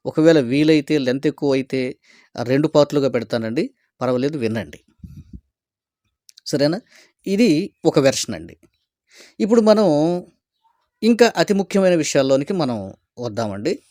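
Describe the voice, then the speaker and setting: A man speaking as a pastor, giving a rhetorical, argumentative commentary full of rapid questions. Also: on the high side, animated, dark tone, no echo, studio quality. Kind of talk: opinion commentary to camera.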